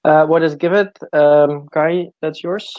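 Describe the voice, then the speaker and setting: A man's voice: fairly high pitch, steady tone, a little slow, no echo. A man leading an online team meeting, working through agenda items with short checks. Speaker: meeting facilitator. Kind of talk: casual meeting talk. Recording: dry, dull lo-fi call audio.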